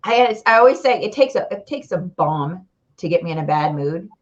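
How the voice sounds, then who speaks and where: A woman hosting a casual chat show, talking in an animated, chatty way. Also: fairly low pitch, normal speed. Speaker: podcast host. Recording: dull lo-fi audio.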